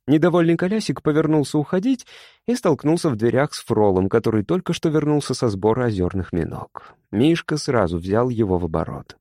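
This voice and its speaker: Man reading an audiobook, lively. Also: medium pitch, a little fast, no echo, clean studio sound. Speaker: reader. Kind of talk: audiobook narration.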